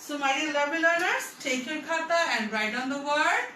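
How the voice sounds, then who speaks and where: A Bangladeshi-accented woman teaches young children an English word, drawing out her phrases slowly and repeating them patiently. Her voice is bright and high with a lively, swooping pitch. She sounds slightly distant from the microphone in a roomy space. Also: a little hiss or hum. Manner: slow, drawn-out and repetitive, coaxing young pupils. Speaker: primary school teacher. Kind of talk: online English vocabulary lesson.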